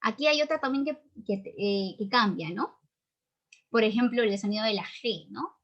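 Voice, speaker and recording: A woman with a Peruvian accent teaches a grammar lesson in a fairly high voice. She explains step by step, often pausing to check that the listener is following. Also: dull audio. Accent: Peruvian Spanish. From Peru. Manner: explains patiently with many tag questions.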